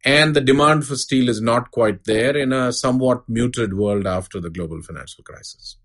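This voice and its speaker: A middle-aged man giving a measured, unscripted explanation as an expert interview guest. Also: medium pitch, fairly bright tone. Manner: measured, explanatory, uses analogies. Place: studio.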